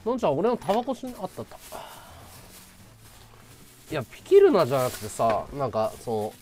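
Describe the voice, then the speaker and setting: A man's voice: a little high, huge pitch swings, a little fast, warm tone. A man livestreaming in casual chat, answering viewer comments with sarcastic, combative ranting.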